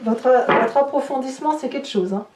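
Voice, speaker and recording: A tarot reader who hosts her own channel improvises a reading for viewers, her high voice moving a little fast as she breaks into astonished, exclamatory asides about the cards. The recording sounds roomy and echoey, picked up from a distant mic with background noise.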